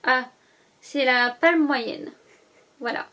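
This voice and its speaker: High-voiced chatty woman vlogger. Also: slow, sharp tone. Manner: chatty, lists items one by one with many "euh" fillers. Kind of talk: casual packing-list vlog.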